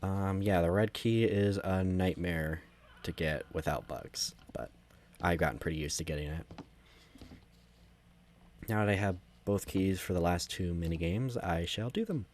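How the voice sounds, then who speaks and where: A man with a very low voice narrates his gameplay in a relaxed, rambling way, often stopping to correct himself mid-sentence. A faint hum of noise sits behind him. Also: a little slow. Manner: rambling, self-correcting, conversational. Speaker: gameplay commentator. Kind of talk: casual game walkthrough commentary.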